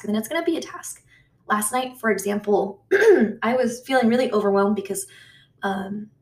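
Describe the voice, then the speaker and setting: A young woman chatting casually to her viewers, rambling, talking quickly and swearing freely. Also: on the high side. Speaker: YouTuber. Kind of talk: casual chat vlog. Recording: roomy sound from a distance.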